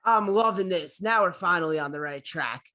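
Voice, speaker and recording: A man's voice: high-pitched, moderate pace, pushed and bright. Male interviewer, thirties, informal conversational delivery. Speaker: interview host. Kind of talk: casual chat. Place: home room, video call.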